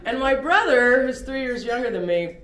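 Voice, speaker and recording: Her pitch runs high here and her intonation is lively, delivered at normal speed over a noisy background. She is a middle-aged Oklahoman sharing candid, self-mocking personal testimony at a recovery meeting, captured in an echoey room.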